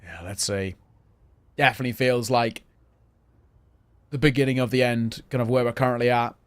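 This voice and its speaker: A man's voice: mid-range voice, moderate pace, clear, resonant tone, no room sound. A man commentating live on an esports match as a play-by-play caster. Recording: noisy, game gunfire and clicks behind.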